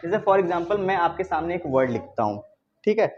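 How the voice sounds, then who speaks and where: A male teacher runs an English lesson in a classroom, lively and coaxing, firing questions at his students and repeating them. The recording is slightly muffled, with a faint hum underneath. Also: high-pitched, normal speed.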